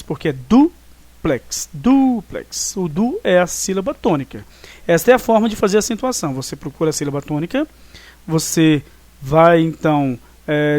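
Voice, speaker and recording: In this dry recording, a high-voiced man with a Brazilian Portuguese accent leads a review session for his students. He explains the material and keeps checking in with frequent "né?" and "tá?" as part of a recorded online class.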